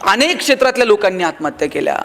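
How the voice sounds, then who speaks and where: High-pitched male motivational speaker who tells funny stories to an audience and acts out the characters in them. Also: sing-song, rapid-fire, creaky, fairly bright tone. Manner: humorous storytelling, acting out quoted voices. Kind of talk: motivational speech to a live audience.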